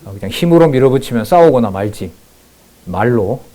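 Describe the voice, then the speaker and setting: A man's voice: mid-range voice, a little fast. Man preaching in a sermon. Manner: shifts between calm scripture reading and loud emphatic remarks. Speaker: pastor.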